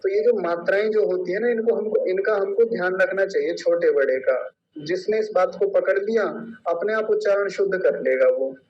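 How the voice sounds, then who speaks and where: Male teacher in an online lesson, slightly high voice, spells out syllables slowly; distant, muffled mic. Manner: slow, drawn-out syllable-by-syllable demonstration. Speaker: Sanskrit pronunciation teacher.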